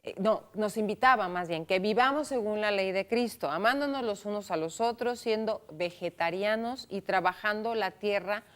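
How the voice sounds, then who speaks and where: A woman's voice: medium pitch, moderate pace, hardly any pauses, fairly bright tone. A woman hosting a cultural radio talk show, chatting with a co-host and reading out listener calls and votes on a studio microphone.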